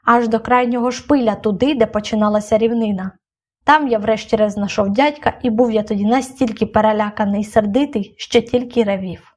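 A woman reading a children's novel aloud as an audiobook, with steady storytelling delivery. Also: fairly high pitch, fairly quick. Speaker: audiobook reader. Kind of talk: scripted narration of a children's novel.

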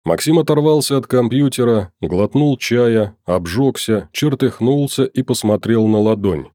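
A man reading an audiobook in an even, measured voice. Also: medium pitch, no echo, clean studio sound. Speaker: narrator.

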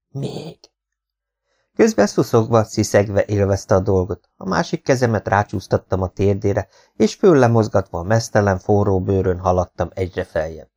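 Low, gravelly male narrator. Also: a little mellow. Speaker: audiobook narrator. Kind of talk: first-person audiobook narration.

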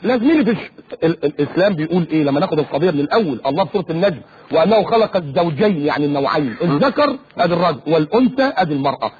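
A man with an Egyptian accent preaching on the radio in an animated way, often mimicking other people's voices. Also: on the high side, a little hiss or hum. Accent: Egyptian Arabic. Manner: rapid, animated, mimics voices mid-talk. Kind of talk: lively preaching talk. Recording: dull lo-fi radio recording.

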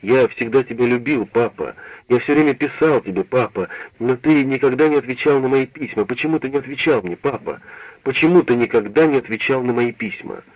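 A man's voice: medium pitch, a little fast, no echo, lightly acted. Man reading as a weeping, childlike grown son. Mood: pleading. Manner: pleading, soft. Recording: dull, dry radio recording.

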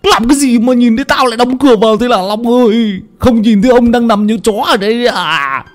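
A man voicing a drunk, belligerent village man who shouts and stammers with slurred speech. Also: very high voice, fairly quick, pitched above the performer's own voice. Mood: drunken bluster.

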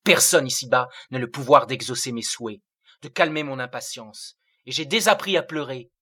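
A man's voice: medium pitch, normal speed, pushed and bright, slightly rough. A man voicing a solemn seraphic being. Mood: exalted. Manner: solemn, lofty declamation. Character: sorrowful otherworldly seraphic being, aloof and grave.

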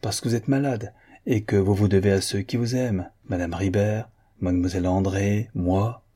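A frank young friend, cool and firm in his advice, as a man reads him in a storybook. The voice is low and mellow with a husky edge. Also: steady tone, moderate pace, close to an everyday voice. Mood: blunt.

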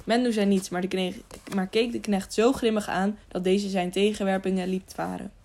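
Brief: female audiobook narrator, gravelly voice, mid pitch. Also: moderate pace. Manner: steady reading with small slips.

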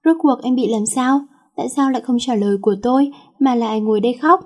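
A woman's voice: fairly high pitch, fast, a little mellow, close to an everyday voice. A woman voicing a feisty teenage schoolgirl who scolds and then coaxes sweetly, her voice raised above her narrating tone. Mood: worried. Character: feisty teenage schoolgirl, bossy yet caring.

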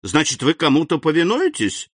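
A man reading aloud, voicing a frantic aging captive banker who pleads in a high, shrill voice. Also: wildly swooping pitch, moderate pace, slightly rough, no echo, studio quality, exaggerated voice. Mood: pleading.

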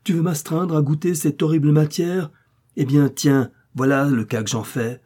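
A man voicing a furious, drunken middle-aged carpenter who shouts at his daughter. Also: medium pitch, moderate pace, husky. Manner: shouting, raging.

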